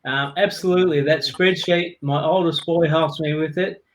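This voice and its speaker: A man's voice: a little high, fairly even intonation, normal speed, rough recording. Upbeat Australian male host. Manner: upbeat, reads viewer comments aloud. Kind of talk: live-stream hosting, reading comments.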